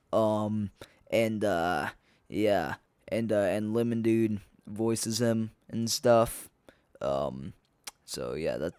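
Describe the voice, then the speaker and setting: A man's voice: on the low side, clear, resonant tone, no echo, clean studio sound. A young man talking casually about the stuffed toys he made, rambling with many fillers on a small clip-on mic recorded to a phone. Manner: rambling, lots of fillers and restarts. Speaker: video creator. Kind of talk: casual commentary. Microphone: small clip-on lapel mic, recorded on a phone.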